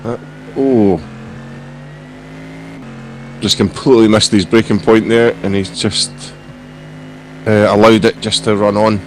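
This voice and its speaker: Man, croaky hoarse voice, lowish pitch, casual live race commentary, engine hum behind. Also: fairly even intonation, measured pace, pauses often, low-quality recording. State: hoarse from coughing. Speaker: sim racing stream commentator.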